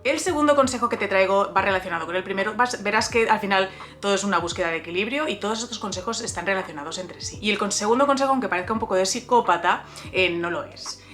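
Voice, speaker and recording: A woman's voice: mid-range voice, pushed and bright, a little hiss or hum. A woman hosting a casual video lesson on writing, talking straight to the viewer with frequent fillers and restarts. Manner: chatty, addresses viewer directly, frequent "eh" and restarts. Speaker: writer and writing coach, channel host.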